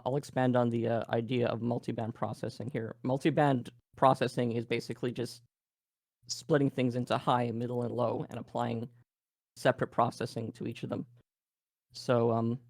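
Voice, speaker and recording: A man with a Canadian accent giving a relaxed live workshop demo, thinking aloud with many fillers. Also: medium pitch, gravelly, dry recording. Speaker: game audio presenter.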